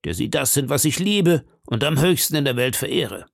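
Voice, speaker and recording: With a sing-song, creaky mid-range voice at moderate pace, a man performs an audiobook character in a dry, clean studio recording. The character is a proud, defiant musketeer captain who declaims in a bold, insistent, raised voice.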